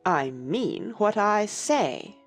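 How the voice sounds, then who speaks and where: A woman voicing a sorrowful, drowsy male Mock Turtle who speaks slowly and takes offence easily, in a dramatized audiobook. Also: medium pitch, very animated, slightly rough, faint music behind, heavily acted. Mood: indignant. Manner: slow, touchy, pedantic.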